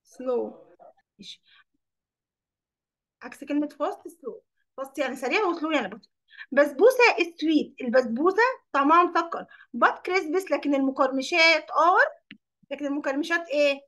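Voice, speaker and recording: A woman's voice: sits high, normal speed, long pauses, fairly bright tone. A woman English teacher with an Egyptian Arabic accent, explaining English vocabulary in Arabic and quizzing her pupils by name. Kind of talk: classroom lesson.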